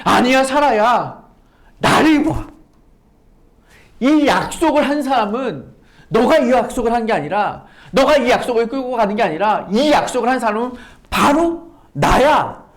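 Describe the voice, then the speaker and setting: A woman's voice: a little high, lively intonation, a little slow, pitched above the performer's own voice. A woman preacher voicing God as a firm, reassuring voice that insists in a sermon. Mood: firm reassurance. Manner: emphatic, insistent, encouraging. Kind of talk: sermon with acted quotes.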